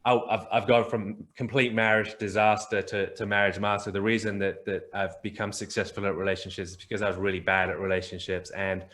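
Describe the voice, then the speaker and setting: A man's voice: lowish voice, flat delivery, brisk, hardly any pauses, a bit bright. A man on a podcast as a guest, earnestly telling a personal story and often repeating words as he restarts phrases.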